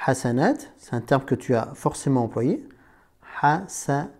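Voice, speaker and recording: A man with a medium-pitched, expressive, slightly mellow voice teaches a beginner to read Arabic letters. Patient and informal, he addresses the learner as "tu," checks understanding with "d'accord?", and slows down to stretch out syllables.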